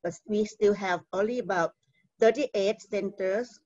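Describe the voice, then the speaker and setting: A woman's voice: medium pitch, dark tone, dry recording. A middle-aged woman with a Thai accent giving a conference keynote over a video call, speaking carefully with many hesitations. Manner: careful, halting delivery with frequent "uh" fillers. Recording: dull lo-fi video call audio.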